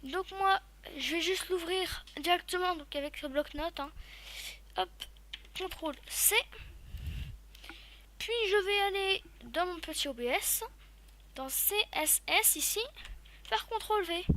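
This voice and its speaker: A woman giving a casual, chatty step-by-step software tutorial, talking loosely with lots of fillers. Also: extremely high pitch, unhurried, pauses often, slight background noise. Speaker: tutorial YouTuber.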